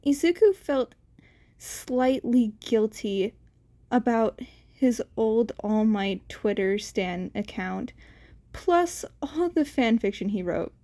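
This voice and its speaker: Slow, mellow woman reading fanfiction. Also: a little high. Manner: casual, slightly stumbling reading. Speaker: fanfiction reader. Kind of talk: amateur podfic narration.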